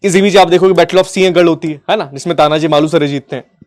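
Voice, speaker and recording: A man teaching history as a story in a casual, affectionate way. He acts out the figures' lines in quick asides and keeps asking his students whether they have understood. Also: on the high side, fairly even intonation. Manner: keeps checking if students follow, affectionate, addresses them as kids.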